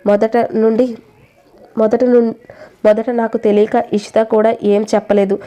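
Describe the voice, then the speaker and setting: A woman's voice: fairly high pitch, little pitch movement, a little slow, highs cut off, natural voice. A woman voicing an angry, grieving middle-aged mother who scolds her son. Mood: reproachful. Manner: scolding, reproachful.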